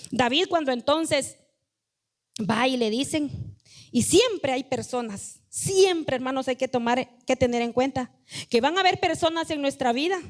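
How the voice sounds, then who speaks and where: A woman pastor preaches a sermon in a high voice, addressing the congregation directly in a conversational yet emphatic way. She acts out the voices of the people she quotes.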